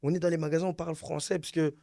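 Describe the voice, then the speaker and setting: Speaking very fast in a gravelly, slightly high voice, a young Brussels man recounts a wild story in casual conversation. He's animated and slangy and keeps repeating himself for emphasis, captured in a close, dry recording.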